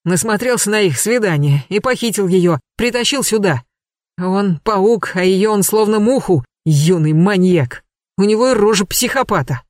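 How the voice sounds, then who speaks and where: A reader voicing Makar, a desperate young man searching for a missing girl, who sounds hoarse and speaks with urgent pleading. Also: mid-range voice, expressive, moderate pace, dry recording, studio quality, voice pushed up, natural voice. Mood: hoarse, bitter. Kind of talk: audiobook character voice.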